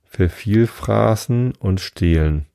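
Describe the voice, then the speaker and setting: A mournful mock turtle sighs through his school memories in a low, dark rumble, voiced by a man reading aloud. He drags each word as if close to tears. The voice is dry and close. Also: vocal fry, no room sound. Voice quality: slow, mournful and tearful. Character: sad sighing male mock turtle creature.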